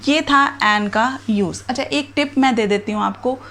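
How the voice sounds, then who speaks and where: Slow-explaining woman teacher, higher voice. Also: pushed and bright. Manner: explains slowly, spells out letters and examples one by one. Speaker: English grammar teacher. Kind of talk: whiteboard grammar lesson.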